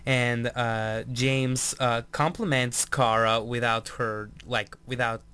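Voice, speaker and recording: A man's voice: mid-range voice, steady tone, slow, pushed and bright, smooth. A man co-hosting a podcast, chatting casually about a TV episode in a rambling way with many fillers and restarts. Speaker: podcast co-host. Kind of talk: casual TV episode review chat.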